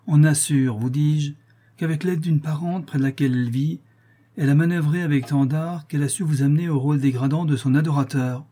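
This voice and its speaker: A man's voice: a little high, steady tone, a little fast, mellow, voice pushed up, lightly acted. A man voicing a haughty old marquis. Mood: stern. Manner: cold, severe, lecturing. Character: stern haughty old aristocratic father.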